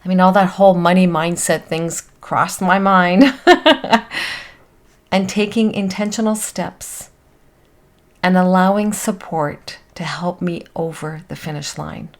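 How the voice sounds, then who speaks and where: A woman's voice: fairly low pitch, takes it slowly. A woman hosting a motivational self-help podcast, talking in an encouraging, earnest, conversational way like a self-help influencer and life coach.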